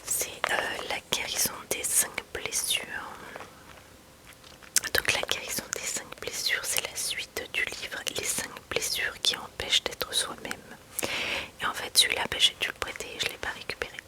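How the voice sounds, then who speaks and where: A woman speaking in a soft library whisper as an ASMR host, presenting books in a chatty way and reading passages aloud. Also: rough recording. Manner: unhurried, chatty delivery mixed with reading aloud.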